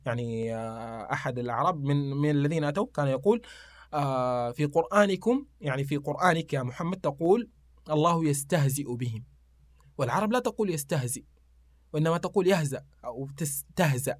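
Guy on a podcast, quick animated storytelling, dry close sound. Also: on the high side, no echo. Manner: animated storyteller reciting poetry, fillers. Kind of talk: storytelling in casual chat.

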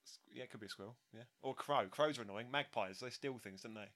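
A man's voice: medium pitch, fast, fairly bright tone. A man with an Essex accent co-hosting a podcast, chatting casually, giggling often and steering the talk with questions. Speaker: podcast co-host. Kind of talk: casual banter.

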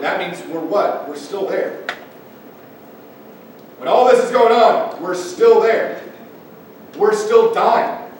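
High-voiced preacher, echoey church. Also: male voice, distant mic, a little hiss or hum. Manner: impassioned preaching, swinging between loud emphatic pushes and quiet low asides. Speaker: pastor. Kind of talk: sermon. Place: church sanctuary. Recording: echoey church room from off-mic, faint ambience.

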